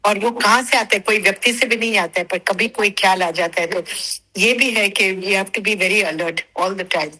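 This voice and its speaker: A woman's voice: medium pitch, moderate pace, pushed and bright, poor audio. A woman taking part in a group discussion, sharing childhood memories and reflections thoughtfully. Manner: reflective, mixes English words. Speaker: participant.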